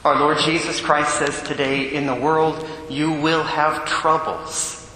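A priest reading the Gospel and preaching a homily at Mass in a large church, his voice carried by a booming cathedral echo. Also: little pitch movement, sharp tone, a little hiss or hum. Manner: earnest, measured preaching. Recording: long echoey reverb in a large church.

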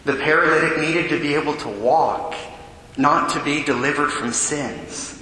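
Priest with booming cathedral echo. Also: male voice, bright, forceful tone. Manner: measured, solemn delivery. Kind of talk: gospel reading and homily. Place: large church. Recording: long echoey church reverb, faint hiss.

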